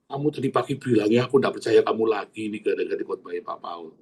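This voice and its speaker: A man's voice: lowish voice, quick pace, darkish tone, slightly rough. A male preacher voicing a middle-aged wife who sweetly tells her husband she trusts him, in an affectionate, coaxing tone.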